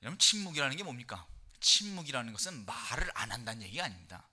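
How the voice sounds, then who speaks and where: A middle-aged male pastor preaching a sermon, animated and emphatic, reading scripture loudly and dropping low for key points. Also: slightly rough. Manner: animated preaching, quick and emphatic, rising loud for scripture quotes; drops to low soft tones for key points.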